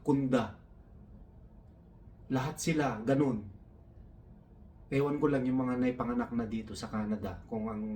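A man's voice: mid-range voice, darkish tone, distant mic, a little hiss or hum. A man from the Philippines doing stand-up storytelling, taking on his coworkers' broken English in a raised voice. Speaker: comedian.

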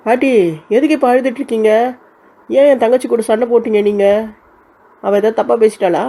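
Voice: mid-range voice, fairly even intonation, brisk, creaky. Someone playing a kind, peacemaking elder sister. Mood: mediating. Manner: soothing, scolding her sister gently, generous. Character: kind, calm elder sister who mediates. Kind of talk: comic village skit acting.

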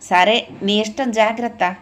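A woman voicing a caring elderly grandmother who speaks gently and reassures her granddaughter. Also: medium pitch, steady tone, a little slow, voice pushed up, close to an everyday voice.

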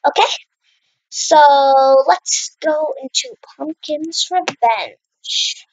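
A young woman speaks extremely slowly in a high voice while casually commentating her Minecraft game for her gaming channel. She's chatty and exclaims at what happens, with a slight cough and throat clearing. The audio quality is poor.

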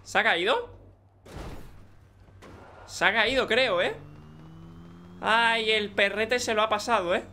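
Excitable young Spanish gamer, bright voice. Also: male voice, sits high, slow, long pauses, a little hiss or hum. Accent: Spanish from Spain. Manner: excitable, joking, talks to teammates. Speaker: gaming YouTuber. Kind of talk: live gameplay commentary.

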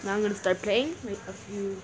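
A young-sounding female-pitched gamer giving casual, excitable gameplay commentary, with difficulty saying R sounds. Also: fairly quick, background noise. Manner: excitable, exclaims and mutters to self. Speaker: gaming video maker. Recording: game music behind the voice. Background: game music.

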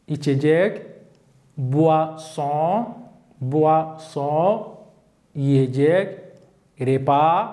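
Slow, deliberate male language teacher. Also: on the high side, darkish tone. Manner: slow, deliberate, repeats each word twice. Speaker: French teacher. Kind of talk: vocabulary lesson.

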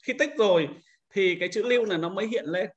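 A man giving a patient, step-by-step screen-recorded software tutorial to teachers, explaining each click as he goes. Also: sits high, quick pace, dull audio. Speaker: teacher trainer.

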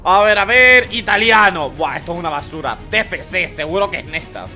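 Man, accent from Spain, gaming commentary, very high voice, lively swooping pitch, yells at reveals. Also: soft background music. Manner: excitable, yelling at reveals, fast chatter to viewers. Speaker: gaming video creator. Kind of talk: pack-opening gameplay commentary.

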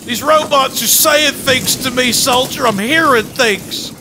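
A man playing a loud, bossy, swearing drill sergeant in an online game, barking orders with a strained delivery. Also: very high voice, a little slow. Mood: gruff, alert. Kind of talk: improvised in-game role-play over voice chat. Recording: voice over loud game battle noise.

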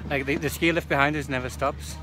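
Holding his phone at arm's length outdoors, a young British man in his twenties talks informally for a travel vlog, dropping "like" frequently as he moves between a station and a ski slope. He speaks fast in a slightly high voice with fairly even intonation, and the phone audio is noisy.

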